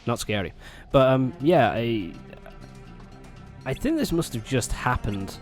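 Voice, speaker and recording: Very animated but unhurried, a young man with a medium-pitched voice rambles and curses casually through his let's play while shaking off a cold. The game's music is loud underneath.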